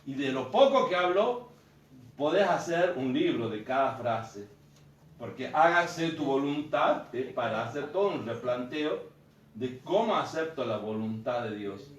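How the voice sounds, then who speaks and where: A priest, giving an informal teaching talk to a group and telling stories with quoted dialogue. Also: male voice, medium pitch, animated, a little slow. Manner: storytelling, acting out quoted dialogue. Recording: echoey room, mic far off.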